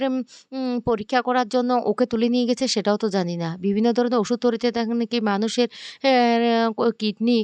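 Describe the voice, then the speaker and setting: A woman's voice: a little high, darkish tone, clear, resonant tone, no echo, close to an everyday voice. A woman reading a worried young man. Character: worried young man helping his slum.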